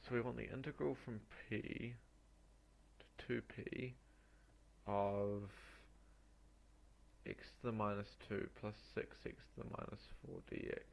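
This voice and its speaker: Slow, gravelly man muttering through maths. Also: on the low side, steady tone. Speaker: maths tutor. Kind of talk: working through exam problems aloud. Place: voice-over on a screen recording.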